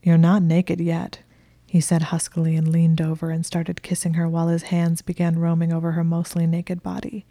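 A woman reading a story aloud in a steady, unhurried narration. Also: fairly low pitch, dry recording. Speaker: reader of fan fiction.

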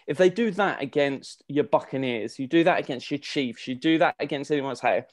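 A man with a fairly high voice talks through sports analysis in a casual podcast style. He thinks aloud in a halting way, and the recording is dry and close, without room sound. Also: no echo. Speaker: podcast co-host analysing games.

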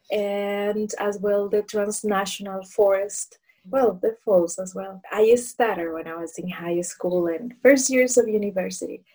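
A woman, answering interview questions thoughtfully and pausing to search for words. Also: mid-range voice, mellow. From Colombia. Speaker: guest.

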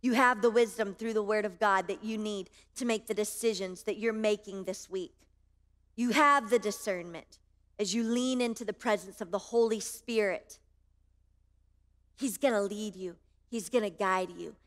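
A woman's voice: medium pitch, normal speed. A woman in her thirties preaching a sermon, impassioned and emphatic, building through repeated phrases. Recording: long hall reverb.

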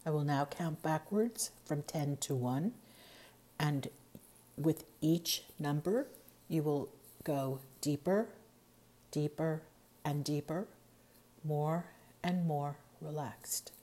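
A woman narrating a scripted guided meditation in a soothing, hypnotic, measured way, softening into breathiness at the ends of phrases. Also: deep voice. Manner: soothing, measured, hypnotic delivery with long pauses.

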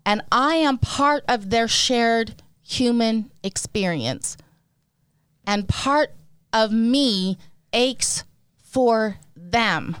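A woman co-hosts a podcast, and she talks slowly and earnestly, leaning into her points with feeling. Her voice is slightly high and smooth, and it is recorded dry and close. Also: a bit bright, no room sound. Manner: earnest, emotional, emphatic. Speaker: podcast co-host. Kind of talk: heartfelt casual podcast talk.

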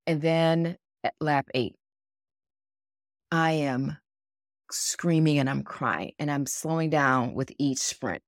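A woman in her forties with a low, deep speaking voice tells a personal story on a podcast. She is frank and animated, swears now and then and acts out other people's words. The sound is dry, with no room echo. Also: takes it slowly, long pauses. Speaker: podcast co-host. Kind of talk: casual storytelling.

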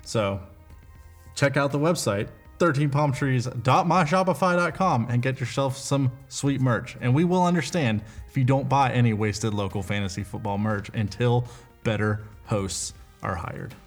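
A man cutting into the show with a hijacked-broadcast mock commercial, delivered in a deadpan, self-mocking way. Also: medium pitch, normal speed, soft background music. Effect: hijacked broadcast, a mock interruption of the show.

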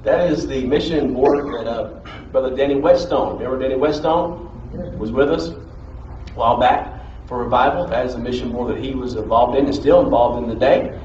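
A man's voice: medium pitch, a little fast, a little mellow. Distant, echoey male pastor introducing a guest. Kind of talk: informal church introduction. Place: indoors in an echoey church. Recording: echoey, distant, dull sound with faint noise.

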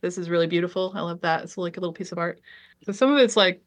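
A woman artist from Liberia chats casually as an interview guest, speaking quickly in a lowish voice. She sounds hesitant, fills her speech with ums, and lets her sentences trail off.

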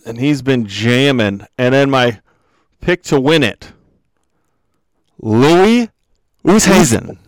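A man's voice: mid-range voice, unhurried, no room sound, clean studio sound. A man hosting a casual podcast chat, joking and swearing as he calls on each of his friends in turn. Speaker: podcast host.

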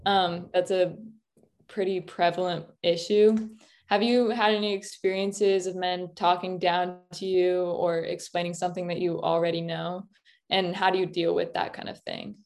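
A teenage student journalist asking interview questions in a hesitant, measured way. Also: female voice, lowish voice, little pitch movement, a little mellow. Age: teens.

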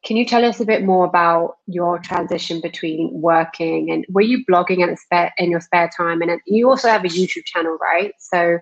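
A woman's voice: lowish voice, normal speed, hardly any pauses, highs cut off. A woman hosting a podcast interview over a remote call, chatty, with many ums and restarts. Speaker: podcast host.

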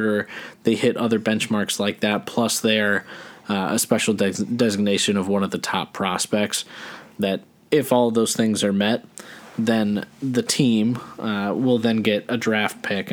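A man, co-hosting a casual sports podcast. He rambles easily, stops and restarts often, and fills his pauses with "uh" and "um.". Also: on the low side. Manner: rambling, filler-heavy, many restarts. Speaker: podcast co-host.

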